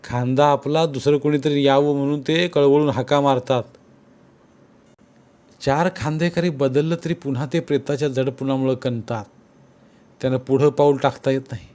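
A man's voice: medium pitch, fairly even intonation, normal speed, darkish tone. Earnest man reading a story aloud. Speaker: audiobook narrator. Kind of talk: storytelling narration of a novel.

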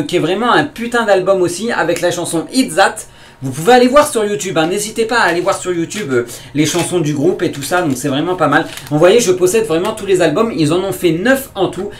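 A man's voice: high-pitched, a little hiss or hum. A man talking casually to camera in a vlog, enthusiastic and rambling, full of fillers and repeated phrases. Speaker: vlogger. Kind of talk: casual unboxing vlog talk.

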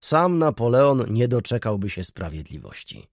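A man's voice: mid-range voice, very animated, normal speed, creaky, no echo, studio quality. A man reading a gloomy old clerk in an audiobook, grumbling and complaining.

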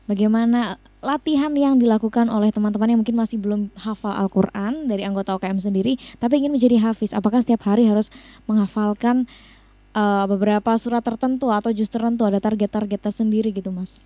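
A woman's voice: mid-range voice, steady tone, dry recording. A woman from Indonesia hosting a radio talk show, asking questions and murmuring short affirmations. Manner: quick, encouraging interviewer with soft affirmations. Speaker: radio host.

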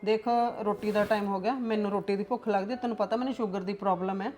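A woman's voice: mid-range voice, fairly even intonation, quick pace, darkish tone, soft background music, lightly acted. A woman acting as a scheming, nagging middle-aged mother-in-law who lectures and scolds in a family drama. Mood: lecturing.

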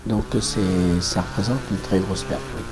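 A man in his sixties from France, a campsite manager giving an interview in a small office, speaking haltingly with many restarts and fillers. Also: low voice, steady tone, noisy background.

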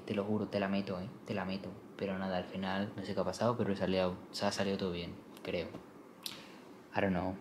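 A young man chats to his camera at home in a casual vlog. His voice sits fairly low and is picked up by a compact camera mic, with a faint hiss behind it. He is playful and self-mocking, dropping in English phrases as he goes. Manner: chatty, mixes in English phrases. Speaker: vlogger.

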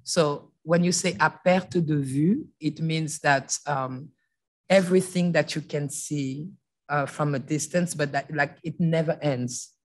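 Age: adult. Sex: woman. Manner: halting panel talk. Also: low-pitched. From France. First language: French. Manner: halting, many fillers and restarts. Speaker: panelist and author. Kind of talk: panel discussion before an audience. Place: lecture hall with audience.

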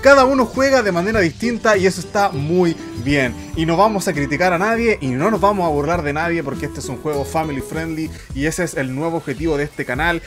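Excitable high-voiced male game caster. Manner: excitable, mock-solemn, swings into loud disbelief. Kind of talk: casual game commentary.

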